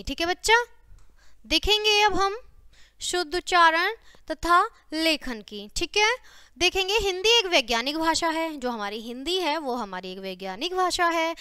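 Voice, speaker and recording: High bright-voiced woman teacher. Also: no echo, clean studio sound. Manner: repeats each word twice, says "ठीक है बच्चा" often. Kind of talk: Hindi grammar lesson.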